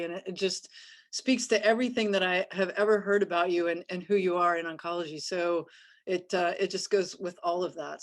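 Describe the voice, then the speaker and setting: Middle-aged woman, event host, video call. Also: on the low side. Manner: warm thanks, upbeat introductions.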